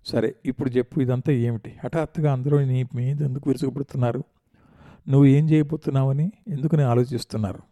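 A man's voice: mid-range voice, steady tone, fast, warm tone, dry recording, lightly acted. A man reading an anxious, questioning young woman.

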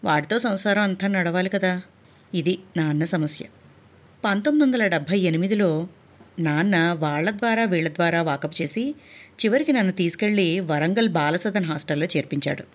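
A woman's voice: on the low side, moderate pace. A woman narrating a first-person memoir in an earnest, heartfelt storytelling manner. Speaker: audiobook narrator.

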